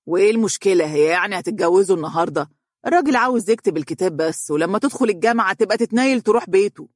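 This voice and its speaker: A storyteller voicing a loud, pushy middle-aged father who speaks in an Egyptian accent and rants rapidly. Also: mid-range voice, very animated, no room sound, clean studio sound, pitched above the performer's own voice. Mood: exasperated. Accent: Egyptian Arabic. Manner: loud, exasperated, rapid ranting.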